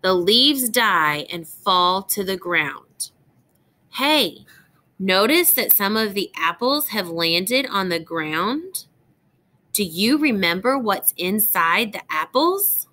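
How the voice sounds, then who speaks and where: A woman reading a picture book aloud as a teacher would, phrasing it deliberately for young children and addressing them directly. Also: medium pitch, sing-song, pushed and bright.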